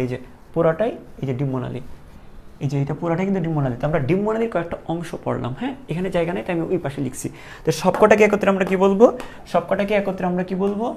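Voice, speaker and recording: A man's voice: high-pitched, creaky, a little mellow. A male teacher giving a classroom lecture, asking questions and repeating each answer to drill the terms.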